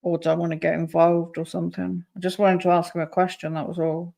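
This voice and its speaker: A woman's voice: fairly low pitch, level tone, fairly quick, gravelly, dark tone. A woman hosting a casual live stream, reacting to a clip and talking to her chat. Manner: chatty, reacting to a clip and reading chat aloud.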